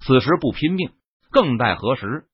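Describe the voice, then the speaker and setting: A man's voice: mid-range voice, sing-song, normal speed, breathy edge, no room sound. A man narrating a fantasy novel aloud, with a dramatic, emphatic delivery of action scenes. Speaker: audiobook narrator. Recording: dull dry lo-fi recording.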